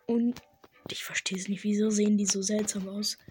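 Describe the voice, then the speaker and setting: A woman's voice: flat delivery, normal speed, a little mellow, a little hiss or hum. Woman on a lo-fi tablet mic. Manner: mutters self-mocking asides, sometimes whispering. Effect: low-quality audio from a tablet's built-in mic. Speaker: gaming podcaster. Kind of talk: casual gameplay commentary. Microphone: tablet built-in microphone. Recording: tablet mic with game music behind.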